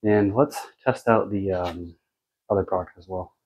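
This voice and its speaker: A low-voiced American man with a husky edge talks through a hands-on product demo. He is casual and low-key, thinking out loud as he goes. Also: measured pace, dry recording, rough recording. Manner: low-key, thinking aloud while working. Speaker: car care product reviewer. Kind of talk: casual unscripted product demonstration.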